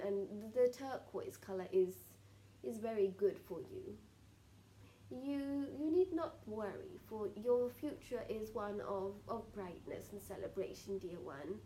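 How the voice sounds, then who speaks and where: A woman speaking as a seance medium in trance, giving solemn spiritual guidance in halting, repetitive, formally archaic phrases. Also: medium pitch, lively intonation, dark tone, low-quality recording. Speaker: trance channeller answering questions as a spirit collective.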